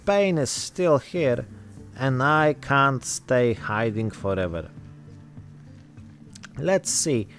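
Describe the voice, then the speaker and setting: A man voicing a weary immigrant zombie-apocalypse survivor, telling his story in short, deadpan, reflective phrases. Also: mid-range voice, extremely slow, long pauses, soft background music. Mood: wry, weary. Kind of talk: narrated in-character role-play monologue.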